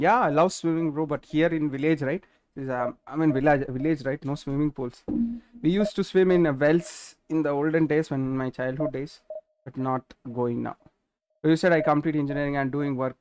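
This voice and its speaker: Amid background noise, a nineteen-year-old man with an Indian English accent and a fairly high voice streams a football game for his viewers. The chatty gaming streamer reads their messages aloud and gives direct answers to chat questions.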